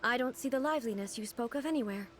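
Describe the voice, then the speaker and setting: A woman playing a calm regal goddess ruler. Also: on the high side, close to an everyday voice. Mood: measured. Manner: calm, formal, measured. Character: composed divine woman ruler, regal and curious. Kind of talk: game cutscene voice acting.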